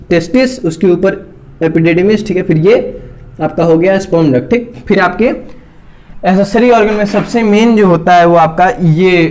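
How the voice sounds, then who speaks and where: A man with a high, darkish-toned voice teaches biology while drawing a diagram. He repeats each term and keeps checking in with his students, constantly saying "theek hai."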